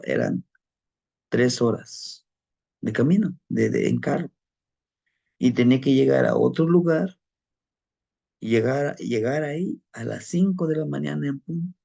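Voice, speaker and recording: Guy telling a story, kinda gravelly and dark sounding, says "no?" a lot and trips over his words. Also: mid-range voice. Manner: conversational, frequent tag questions, repeats words while searching. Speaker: storyteller of spirit lore. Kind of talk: casual personal anecdote.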